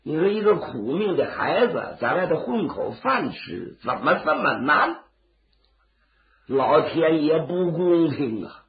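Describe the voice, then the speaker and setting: A kindly, anxious old peasant acted out by a male storyteller speaks in a gravelly Northeastern Chinese accent. His dramatic lines are drawn out and plaintive, climbing high in pitch on a slightly muffled recording. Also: big pitch swings, measured pace. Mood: sorrowful.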